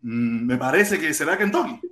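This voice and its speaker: Animated Cuban man hosting a stream. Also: on the high side, normal speed. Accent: Cuban Spanish. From Cuba. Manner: animated, repeats phrases over and over, reads viewer comments aloud. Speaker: live stream host. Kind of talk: casual live stream chat. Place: at home. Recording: roomy echo.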